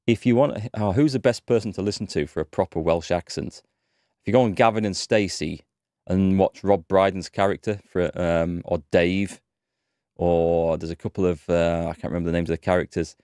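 A deep, clean-toned, slightly mellow voice carries casual let's-play chatter at a moderate pace with fairly even intonation. The speaker is a gaming streamer in his thirties from England with a North Yorkshire accent, thinking aloud on a headset mic and nursing a slight cold. It's clean studio sound without echo, from his indoor home streaming room.

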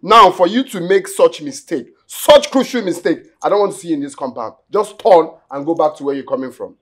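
A man acting an arrogant, hot-tempered Nigerian crown prince in a film drama, bullying, with a husky voice. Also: on the high side, expressive, fairly quick. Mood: haughty. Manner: bullying, stammering repetition when angry.

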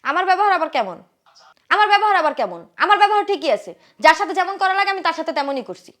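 A woman playing a spiteful young wife who scolds loudly and sneers at her husband's sister. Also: very high voice, animated, racing. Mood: scornful. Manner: scolding, loud and contemptuous. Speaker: sharp-tongued wife. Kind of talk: short film acting.

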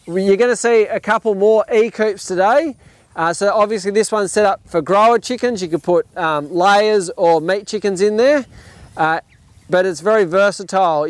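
A man's voice: high-pitched, no echo. A man in his thirties with an Australian accent, showing visitors around his farm outdoors, talking with enthusiasm and frequent restarts, recorded by a camera at a distance. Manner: enthusiastic, explanatory, with fillers and restarts. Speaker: farm owner giving a tour. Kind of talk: outdoor demonstration talk. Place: open paddock outdoors.

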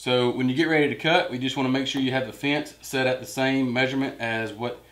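A man's voice: mid-range voice, fairly even intonation, quick pace, fairly bright tone. Man explaining a woodworking jig. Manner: plain, step-by-step explaining while working with tools. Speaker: woodworking channel host. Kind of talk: hands-on workshop tutorial. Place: large indoor woodworking shop.

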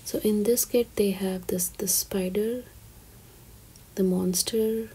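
A woman giving a soft, half-whispered walkthrough of store items for her shopping vlog, listing each item and its price. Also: mid-range voice, steady tone, slow, a little hiss or hum. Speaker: shopping vlogger. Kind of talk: shop-with-me voice-over.

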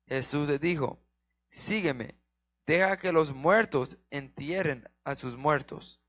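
A man reading Bible verses aloud slowly and carefully, stumbling now and then. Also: fairly high pitch, a bit bright, no echo. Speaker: scripture reader.

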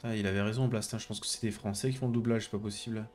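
A man's voice: on the low side, steady tone, rapid-fire, a little mellow, soft background music. A young French man commenting on a role-playing game, reading its text aloud, laughing and swearing. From France. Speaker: gameplay commentator. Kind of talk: let's play commentary.

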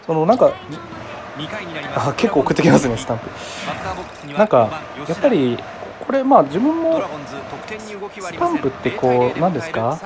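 Man from Kagoshima, lively up-and-down pitch, chatty game commentary, stadium crowd noise behind. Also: moderate pace, long pauses. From Kagoshima, Japan. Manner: chatty, reacting aloud to plays, apologetic. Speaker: game streamer. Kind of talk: casual live game commentary. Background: baseball game crowd sound.

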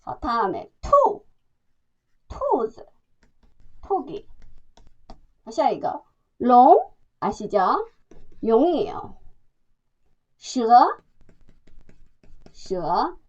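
A woman from China with a Chinese accent, teaching a language lesson and modeling words for learners to repeat in a slow, drawn-out way. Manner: slow, drawn-out demonstration with lively pitch jumps on tones. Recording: dull, lo-fi sound.

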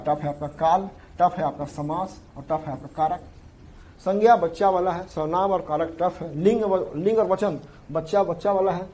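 A man's voice: high-pitched, a little mellow. A man teaching an exam prep class, repeating points over and over to drill them in. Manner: repetitive, drilling points to students. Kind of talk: classroom lecture.

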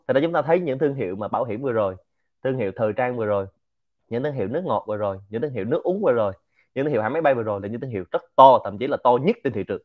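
Fast-talking man with a Quảng Nam accent. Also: medium pitch, narrow, tinny audio. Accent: Central Vietnamese, Quảng Nam. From Quảng Nam, Vietnam. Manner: lively, mixes English words into his talk. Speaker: speaker hosting a Q&A session. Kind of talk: informal lecture to a community.

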